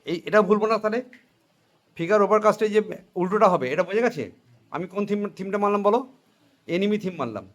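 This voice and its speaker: High-voiced male teacher drilling a class. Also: animated, brisk, long pauses. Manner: drills students with repeated questions; mixes in English and Hindi phrases. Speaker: accounting teacher. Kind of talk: classroom lecture with call-and-response.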